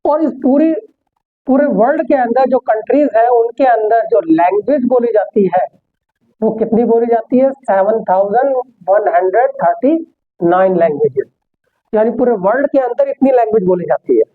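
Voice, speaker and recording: A man's voice: very high-pitched, lively intonation, moderate pace. A man teaching an English class, explaining step by step and answering his own rhetorical questions. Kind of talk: classroom lecture. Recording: tinny phone-like sound.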